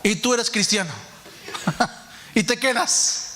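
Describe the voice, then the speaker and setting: A man's voice: extremely high pitch, slow pace, slight background noise. A pastor in his forties preaching a sermon, asking many rhetorical questions and calling out to his listeners as brothers and sisters. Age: 40s. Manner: animated preaching, many rhetorical questions, calls the audience "hermano".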